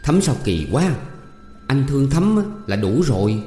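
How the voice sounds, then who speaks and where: A man's voice: mid-range voice, big pitch swings, a little slow, warm tone. An eager, pushy young landowner's son with a Southern Vietnamese accent, read out by a man, coaxing and teasing his sweetheart in a storybook. The voice carries a long roomy reverb with faint music underneath.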